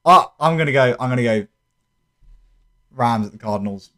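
A man's voice: medium pitch, expressive, normal speed, sharp tone. Young South London man, casual podcast chat. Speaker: podcast co-host.

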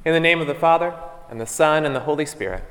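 Priest at a pulpit microphone, church reverb. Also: male voice, fairly high pitch, fast, a bit bright. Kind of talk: gospel reading and homily.

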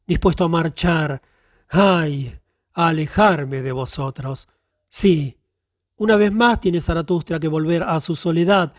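A man's voice: a little high, a little mellow, dry recording, studio quality. A man reading a philosophical book aloud as an audiobook, in a dramatic, declamatory manner. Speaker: audiobook narrator. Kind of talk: scripted narration.

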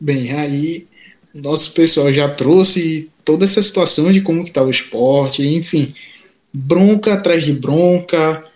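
A man's voice: fairly high pitch, unhurried. A man hosting a sports podcast in an informal, colloquial way. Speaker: podcast host. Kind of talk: casual sports podcast talk.

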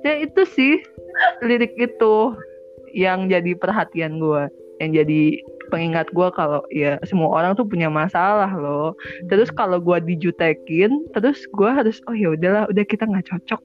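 A woman's voice: fairly low pitch, lively intonation, moderate pace. A young woman with a Jakarta accent chatting casually as a podcast co-host, acting out her own thoughts. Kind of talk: casual chat. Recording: slightly dull lo-fi sound with faint music.

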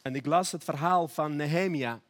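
A young man from Armenia preaching an earnest, emphatic sermon, slowing down for prayerful appeals. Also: a little high, fairly bright tone.

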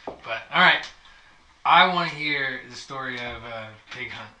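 A man's voice: mid-range voice, unhurried, bright, forceful tone. A man hosting a casual chat, asking questions and trading stories. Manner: chatty, prompts with questions. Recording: echoey room, mic at a distance, faint noise.

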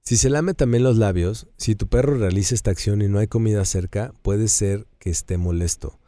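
A man with a Mexican Spanish accent co-hosting a casual chat about dogs, animated and acting out what people say. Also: fairly low pitch, normal speed, dry recording. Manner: animated, acts out quoted dialogue in a raised voice. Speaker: co-host.

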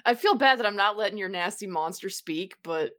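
A woman's voice: mid-range voice, expressive, a little fast, fairly bright tone. A woman bantering as a tabletop game player in casual slang, blunt and irreverent, with some swearing.

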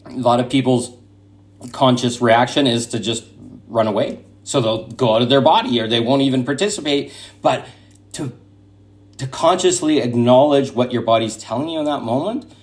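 A man's voice: mid-range voice, normal speed, long pauses. Man, self-help podcast host, earnest, emphatic, mid-range voice, sudden exclamations.

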